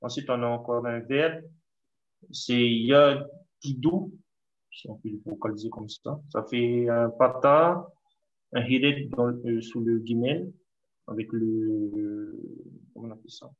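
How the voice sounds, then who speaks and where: A man, a student in a class, slowly and hesitantly parsing a text aloud with many fillers. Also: medium pitch, fairly even intonation, muffled recording.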